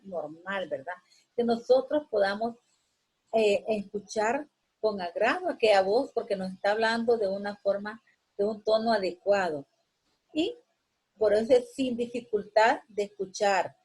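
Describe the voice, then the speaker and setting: Woman, teacher, husky tone, classroom lesson, patient, frequent fillers and tag questions. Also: fairly high pitch, darkish tone, poor audio. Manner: patient, explanatory, gives everyday examples.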